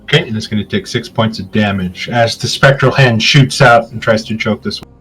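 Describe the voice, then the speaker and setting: A man narrating a tabletop game as game master, describing scenes in a relaxed way with filler ums. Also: lowish voice, a little fast, husky, faint music behind, poor audio.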